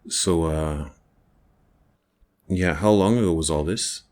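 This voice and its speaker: A man co-hosting a spiritual talk show, asking short, calm follow-up questions. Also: deep voice, slow. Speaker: podcast co-host. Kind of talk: interviewer questions.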